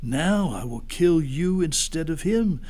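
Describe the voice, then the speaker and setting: A man's voice: fairly high pitch, expressive, slow pace, a little mellow, voice pushed up. A man voicing a fierce, cruel witch queen in a storybook read-aloud, commanding and imperious. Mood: gloating, menacing. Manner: imperious, exclamatory.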